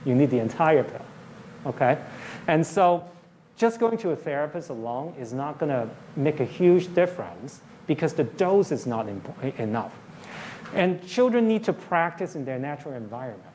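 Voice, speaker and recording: A man's voice: on the high side, very animated, moderate pace, darkish tone, slight background noise. A man giving a public university lecture, explaining points plainly and often checking in with the audience. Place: lecture hall.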